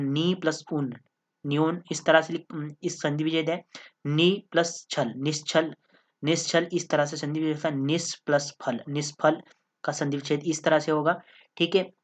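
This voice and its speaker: A woman with a low, steady voice teaches an exam-prep grammar lesson at normal speed. She explains step by step, often checks in with her listeners, and keeps repeating "ठीक है" and "दोस्तों."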